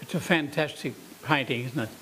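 A man's voice: medium pitch, a little fast, poor audio. Ninety-something circus man. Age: 90s. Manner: plain-spoken, repeats himself warmly. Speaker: circus performer. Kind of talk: reflective interview answers.

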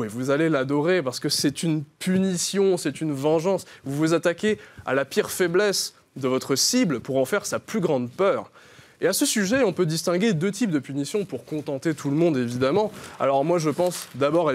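A young man, a columnist on a web talk show, giving a playful mock sales pitch with many fillers.

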